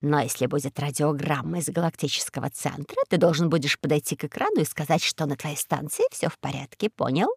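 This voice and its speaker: Woman doing a hushed scheming willow tree. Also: deep voice, animated, fairly quick, gravelly, few pauses, slightly rough, dry recording, clean studio sound, voice pushed down, full character voice. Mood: threatening. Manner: hushed, rustling, threatening.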